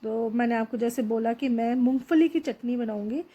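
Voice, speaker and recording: A middle-aged woman chatting homely and unhurried while narrating her home cooking vlog in a kitchen. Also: fairly high pitch, dark tone, muffled recording. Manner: chatty, homely, with filler pauses. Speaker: home cooking channel host.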